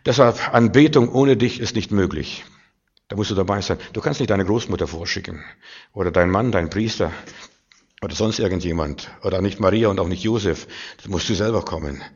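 Male preacher, impassioned sermon delivery with hushed asides and loud peaks, low-pitched, muffled lo-fi sound. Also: a little fast, husky.

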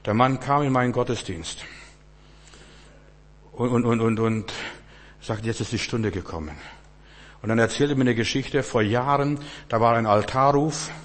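A man preaching a sermon in church, swinging from hushed low passages to loud, fervent outbursts and often stammering restarts. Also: steady tone, measured pace, long pauses. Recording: long church hall reverb.

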